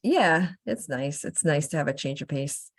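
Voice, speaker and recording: A woman's voice: low-pitched, animated, normal speed, dry recording, studio quality. A woman co-hosting a podcast in casual chat, sounding nasal and stuffed up from a summer cold, with lots of ums. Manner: chatty, with many ums and likes. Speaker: co-host, financial advisor.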